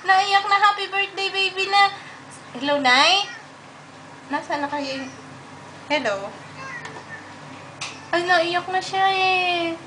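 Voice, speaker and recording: A woman's voice: very high-pitched, slow pace, long pauses, bright, forceful tone. A woman on a video call, talking in doting, cooing baby talk to her baby. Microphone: computer microphone on a video call. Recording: noisy home video-call recording.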